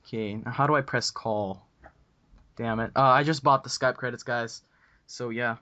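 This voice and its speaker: A man's voice: mid-range voice, moderate pace, bright, forceful tone, no room sound. Young male podcast host, rambling casual delivery, muffled dry headset sound. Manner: rambling, many ums and restarts.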